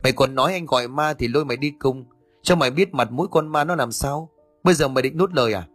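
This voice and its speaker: A man's voice: medium pitch, fast talker, fairly bright tone, husky, no room sound, faint music behind. A man reading the part of a cocky older male cousin who talks brusquely and mockingly.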